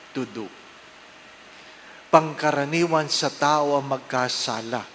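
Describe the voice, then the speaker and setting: Male Filipino priest, slightly high voice, solemn liturgical delivery, cathedral echo. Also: fairly bright tone. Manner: solemn, deliberate phrasing. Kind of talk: liturgical reading and homily. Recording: echoey church with long reverb, background noise.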